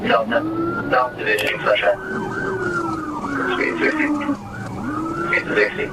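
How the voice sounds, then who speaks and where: A police officer over a police radio, giving terse, clipped call-outs of streets and speeds during a pursuit. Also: male voice, slow pace. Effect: heard over a police radio. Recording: distant, very noisy radio transmission.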